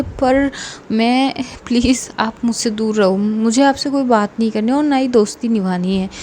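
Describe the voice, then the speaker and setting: A woman's voice: a little high, darkish tone, a little hiss or hum, close to an everyday voice. Woman voicing Adhya, angry pleading young woman. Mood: begging. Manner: pleading, insistent, repeats please. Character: young woman Adhya, upset and pushing her away.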